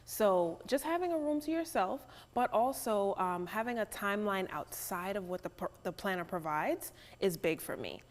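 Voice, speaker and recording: A woman's voice: mid-range voice, expressive, normal speed, hardly any pauses, long reverb tail. A woman who works in bridal beauty, speaking as a guest in casual chat and often asking "right?". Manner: conversational, often adds "right?".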